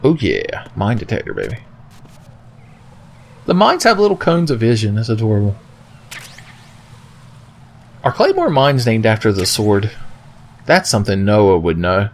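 A man's voice: on the low side, wildly swooping pitch, a little slow, long pauses, slight background noise. A man giving joking, sarcastic commentary as he plays a video game, swearing casually. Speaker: video game let's player.

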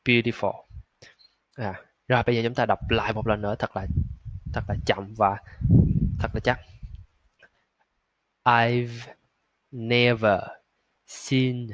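Guy teaching english sounds, drags the example words out slow, lots of "uh", dry close sound. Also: on the low side, flat delivery, a bit bright, no echo. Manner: slow, drawn-out model words, frequent filler "à". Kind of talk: pronunciation lesson.

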